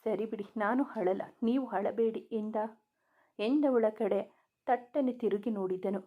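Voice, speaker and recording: A woman's voice: on the high side, a little slow. Woman reading a romance story, tinny sound.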